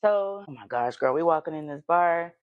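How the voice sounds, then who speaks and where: A woman guest telling her life story in a casual, animated way, her voice jumping high when excited. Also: normal speed, phone-quality sound.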